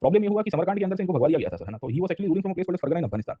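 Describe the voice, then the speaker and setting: A man teaching an exam-prep history lecture, switching between Hindi and English and often pausing to check that students follow. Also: high-pitched, sing-song, husky, highs cut off. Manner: mixes Hindi and English, keeps checking in with listeners.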